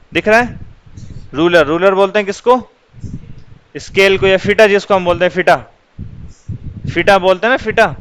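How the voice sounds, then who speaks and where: A man's voice: sits high, a bit bright, a little hiss or hum, rough recording. A male teacher patiently explaining English words for children, asking questions and answering them himself.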